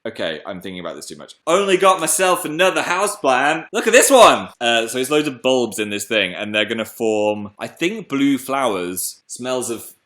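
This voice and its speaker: A man's voice: mid-range voice, sing-song, normal speed, few pauses, fairly bright tone. A British man chatting live into his laptop mic, playful and rambling, drifting from one silly aside to the next. His voice sits in a middle register for a man, with an easy, casual delivery. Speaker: YouTuber hosting a livestream. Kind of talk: casual live-stream chat. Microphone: laptop microphone.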